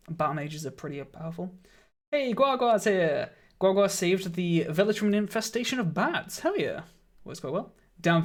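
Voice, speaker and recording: A man livestreams a game through a studio microphone, sounding a bit croaky, with a voice slightly higher than typical for men. He keeps up casual chatter, laughs often, and warmly greets and thanks his viewers.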